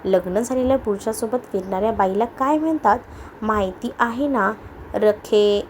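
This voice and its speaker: A woman's voice: medium pitch, normal speed, darkish tone, slight background noise, close to an everyday voice. A woman voicing a spiteful young office coworker in a read-aloud audio story, snide and taunting.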